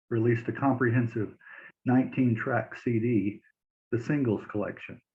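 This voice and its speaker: Male interview host on a tinny line. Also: medium pitch. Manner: friendly, halting, laughs easily. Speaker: podcast host. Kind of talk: interview hosting. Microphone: video call.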